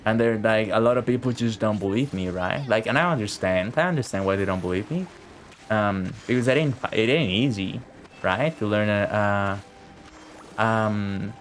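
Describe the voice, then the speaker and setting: A man's voice: lowish voice, normal speed, a little hiss or hum. A young man, a native Spanish speaker, chatting casually as a streamer while gaming, telling a rambling story with lots of fillers.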